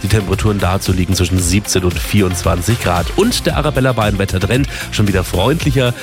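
Low-voiced man reading the weather. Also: fast, music in the background. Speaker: weather presenter. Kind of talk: radio weather forecast.

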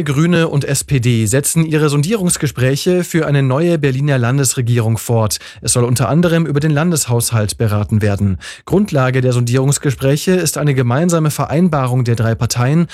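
Man reading news, measured, formal, dry close sound. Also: mid-range voice, darkish tone, no echo. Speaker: newsreader.

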